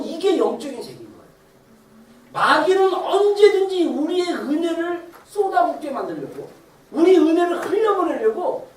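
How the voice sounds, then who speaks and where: A pastor giving a Sunday sermon in a church sanctuary, telling stories with animated acted-out voices and frequent laughter. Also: high voice, a little hiss or hum. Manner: animated, acts out quoted voices; laughs while preaching. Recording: roomy echo, distant mic, faint ambience.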